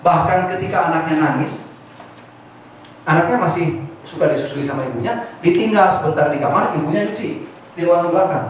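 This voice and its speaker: A man's voice: fairly high pitch, brisk. A man giving a motivational seminar talk who keeps calling on the audience to answer, mixing in English phrases. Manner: lively, calls on the audience to answer. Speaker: motivational speaker. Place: large hall with an audience. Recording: echoey hall, far mic, noisy.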